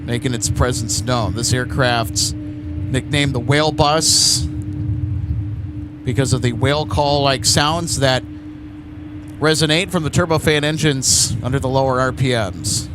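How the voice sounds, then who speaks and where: A man's voice: mid-range voice, unhurried. A man hosting a plane-spotting livestream outdoors, chatting casually and greeting viewers. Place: outdoors near an airport runway. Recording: outdoor noise with aircraft engines. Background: aircraft and engine noise.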